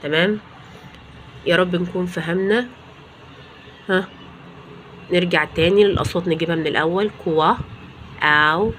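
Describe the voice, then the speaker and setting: A woman's voice: fairly low pitch, a bit bright, a little hiss or hum. Egyptian woman drilling English sounds. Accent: Egyptian Arabic. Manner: repeats each sound slowly, prompting with "ha". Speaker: English teacher. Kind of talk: phonics lesson.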